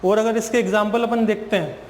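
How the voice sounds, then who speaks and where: High-voiced man teaching in an echoey room. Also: steady tone, fairly quick. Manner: patient, repetitive explaining, often asking and answering his own questions. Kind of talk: spoken English grammar lesson explained in Hindi. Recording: echoey room with long reverb and faint hiss.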